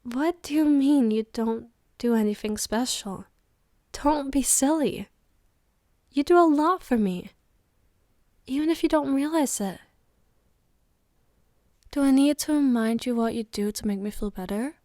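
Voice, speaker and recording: Woman as loving sleepy girlfriend, ASMR role-play, late-night phone call audio drama, tender, intimate, raised pitch, very dry recording. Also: unhurried, long pauses, warm tone, no echo. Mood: teasing, tender.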